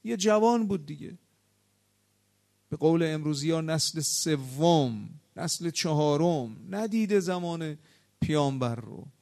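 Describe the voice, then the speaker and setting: A man delivers a storytelling sermon in a fairly high voice. He piles up rhetorical questions, and his delivery swells into forceful, emphatic peaks before settling back into narration. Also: animated, vocal fry. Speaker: preacher. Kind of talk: religious history sermon.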